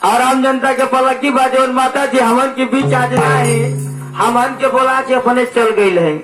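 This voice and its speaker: A man's voice: extremely high pitch, steady tone, a little slow. An actor playing a boastful village helper with a Bhojpuri accent, declaiming his lines. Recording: echoey stage recording with loud music.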